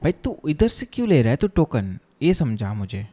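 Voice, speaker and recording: A young man from Chennai talks through his coding on a live stream. He chats and jokes with his viewers, switching freely between Hindi and English tech words. His voice is mellow and dark, set at an ordinary middle pitch. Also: sing-song, normal speed. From Chennai, India. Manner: chatty and joking, reading viewer chat aloud and answering it. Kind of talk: casual live-stream chat while coding.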